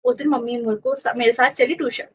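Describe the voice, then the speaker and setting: A woman's voice: fairly high pitch, fast, slight background noise, poor audio. A young woman vlogger casually telling a funny story from her school days, acting out the lines of the people in it. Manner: chatty, animated retelling with quoted dialogue.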